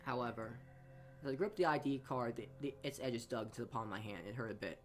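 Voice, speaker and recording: With game music behind him, a fast-talking man in a mid-range voice reads a visual novel aloud for a let's play. He adds asides and often stumbles over words, then goes back and re-reads them.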